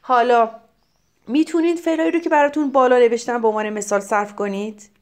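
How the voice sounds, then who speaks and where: A middle-aged woman from Iran teaching French grammar, explaining in Persian and reading French examples slowly and clearly. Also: fairly high pitch, fairly even intonation. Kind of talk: grammar lesson.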